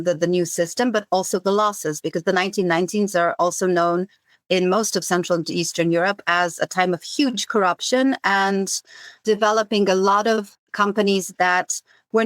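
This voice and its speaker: A campaign coordinator in her forties who was raised in Zambia answers interview questions about her work as a podcast guest. She speaks thoughtfully in a lowish voice, with many fillers and restarts, on a dry recording.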